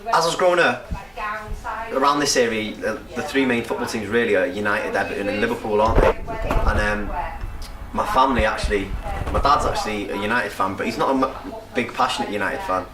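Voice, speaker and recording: Medium-pitched and animated, a young North Wales rapper speaks a little fast as he rambles casually in an interview, frequently laughing. He's picked up from a distance in an echoey room with a crowd making noise.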